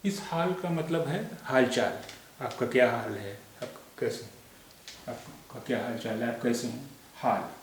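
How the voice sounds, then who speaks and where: A man gives a spoken language lesson, patient and methodical, repeating sounds and examples so learners can follow. His voice sits at an ordinary middle pitch and comes from some distance off the mic. The room rings with a strong echo, and a faint hiss runs underneath. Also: a little slow. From India. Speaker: Urdu teacher.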